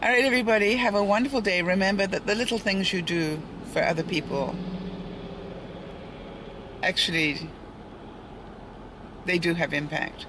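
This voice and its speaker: An older woman, a daily vlogger, talks to her viewers in a casual vlog while standing by a street in light rain, rambling with asides and small chuckles. Her voice sits at a medium pitch and moves at a normal speed, with frequent pauses. The noisy outdoor recording picks up passing cars, traffic and general street ambience.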